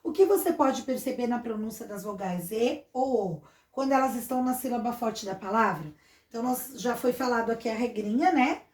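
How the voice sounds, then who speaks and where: A woman's voice: on the high side, a little fast, darkish tone. Brazilian woman teaching in an echoey room. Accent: Brazilian Portuguese. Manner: patient, explains step by step with checks like "tá?". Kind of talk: recorded classroom lesson.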